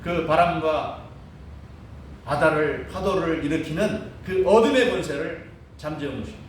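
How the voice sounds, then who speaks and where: A male pastor preaching a lively sermon, full of rhetorical asides and acted-out cries. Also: normal speed. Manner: animated preaching, frequent rhetorical "어?" asides, acts out quoted cries. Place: church sanctuary. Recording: echoey church hall, mic at a distance, faint rumble.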